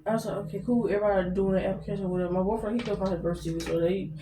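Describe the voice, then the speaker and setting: A woman's voice: mid-range voice, fairly even intonation, racing. A young American woman telling a story casually to viewers, blunt and slangy, swearing heavily. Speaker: vlogger. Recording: roomy echo, distant mic, faint noise.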